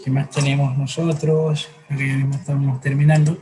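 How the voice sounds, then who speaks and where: A man teaching a science class, explaining patiently with everyday examples, often pausing to hesitate and correct himself. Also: medium pitch, little pitch movement, warm tone, low-quality recording. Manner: frequent hesitations and self-corrections. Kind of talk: classroom lecture.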